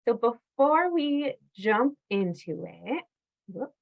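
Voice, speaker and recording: A woman's voice: a little high, sing-song, takes it slowly, creaky. Woman presenting a webinar over a video call. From California. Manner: conversational, with frequent fillers. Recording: dull lo-fi webinar audio.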